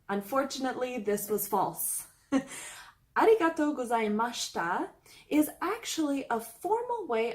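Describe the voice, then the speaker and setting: A young woman from Canada narrating a scripted travel vlog, reading out a countdown list in an upbeat, explanatory way. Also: fairly high pitch. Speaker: travel vlogger.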